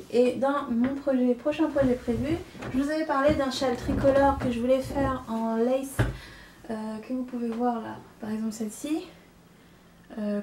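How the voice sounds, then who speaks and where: A woman's voice: high-pitched, mellow, slight background noise. A young woman hosting a knitting podcast, chatting casually about yarn she received, with frequent fillers and little laughs. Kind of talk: casual chat showing yarn haul.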